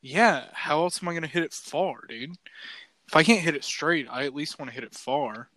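A man with a bright, crisp voice chatting as a podcast co-host. He rambles easily and leans on "like" as filler. The sound is dry and close. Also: a little high, normal speed, no echo, low-quality recording. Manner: relaxed, rambling, heavy use of "like". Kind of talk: casual chat.

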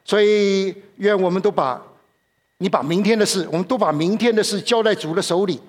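A man's voice: high voice, a little fast. A man preaching a sermon in a conversational way, often repeating himself and putting questions to his listeners.

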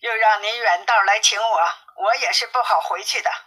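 A woman's voice: medium pitch, moderate pace, bright, forceful tone, low-quality recording. A proud monkey king read by a woman. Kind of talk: audiobook story reading.

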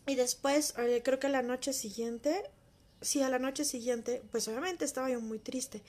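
A woman with a high voice gives a heartfelt personal testimony. She speaks in an emotional, intimate way, as if confiding in one listener. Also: a little mellow.

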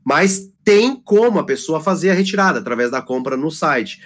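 A man with a strong rural Brazilian R, telling a story as a podcast guest in a chatty, animated way and acting out the quoted lines. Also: on the high side, moderate pace. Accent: Brazilian countryside, strong rolled R. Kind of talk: casual chat.

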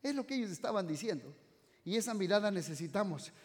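A man from Mexico preaching a sermon in a church, swinging from loud exclamations to soft, stretched-out phrases. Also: sits high, big pitch swings, quick pace. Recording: reverberant hall sound.

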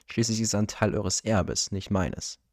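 A man reading the part of a cold, suspicious lord in a storybook audiobook, with a quietly threatening delivery. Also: lowish voice, normal speed, no echo, clean studio sound, natural voice.

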